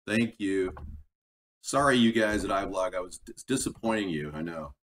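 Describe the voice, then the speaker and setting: A man's voice: low-pitched, expressive, moderate pace, a bit bright, recorded from a distance. A man hosting a casual cooking livestream, rambling and chatting with viewers, his voice sounding tinny like a tin can through a built-in computer mic in a home kitchen. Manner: rambling, chatty, talks to chat while cooking. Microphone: built-in gaming laptop mic. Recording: tinny laptop mic, set back, faint noise.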